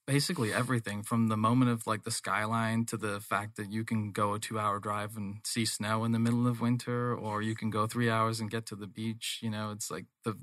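Man, North American accent, low-pitched, dry close sound, earnest, conversational, business owner. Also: fairly bright tone, no room sound. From England, later Toronto, Canada. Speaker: guest, manufacturing business owner. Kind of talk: conversational interview.

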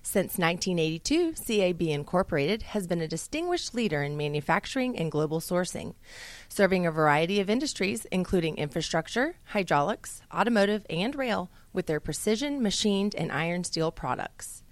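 Woman, radio show host, polished delivery, smooth sponsor reads, slightly low pitch, dry studio sound. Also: sing-song, fairly quick, no room sound. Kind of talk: radio interview hosting.

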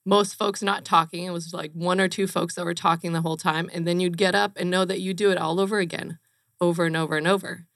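A woman's voice: fairly low pitch, steady tone, quick pace, no echo, clean studio sound. A woman from Romania, a company co-founder, speaking earnestly and emphatically as an interview guest. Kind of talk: casual interview chat.

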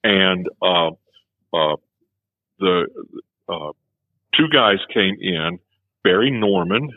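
A former film festival director speaks in a low, animated voice, drawing out his words as he rambles through stories, restarting often and chuckling at his own tales. The casual talk is recorded dry, with a tinny, phone-like sound.

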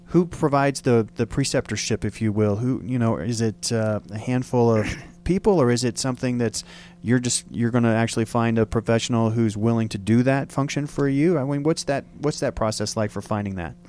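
Hosting an interview on the radio, this man speaks a little fast with few pauses, using lots of fillers and rephrasing his guest's remarks at length. His mid-range voice carries a slightly mellow quality.

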